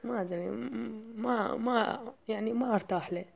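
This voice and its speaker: A man's voice: high voice, moderate pace, creaky. A coy young wife with an Iraqi accent, as a man fakes a woman's voice. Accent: Iraqi Arabic. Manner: teasing, coy, chatty. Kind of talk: prank phone call.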